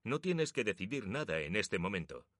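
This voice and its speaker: A man voicing a frail old father who gently consoles his son, with a lively, low voice. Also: moderate pace, no echo, clean studio sound. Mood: wise.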